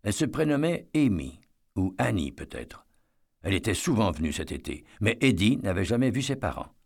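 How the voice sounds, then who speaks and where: A man reading a novel aloud as an audiobook narrator, in a measured storytelling way. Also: lowish voice, sing-song, vocal fry, a little mellow, slightly rough. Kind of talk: scripted narration.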